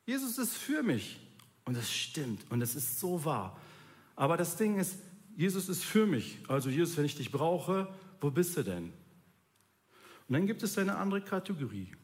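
Male preacher, casual sermon delivery, acts out quotes, pitched a touch high. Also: normal speed. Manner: lively, acts out quoted voices, colloquial youth slang.

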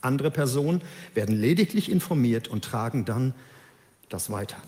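A man preaching a sermon, emphatic and lively, who acts out the voices of the people he quotes. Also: mid-range voice, normal speed, long reverb tail.

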